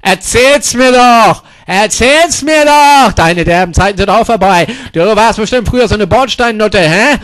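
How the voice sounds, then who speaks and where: A high-pitched man in a crude comedy sketch. He barks abrasive insults and drops English slang between his words. He stretches his catchphrases into long, drawn-out shouts. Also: expressive, clean tone. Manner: repeats catchphrases in a drawn-out yell. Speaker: comedy character performer.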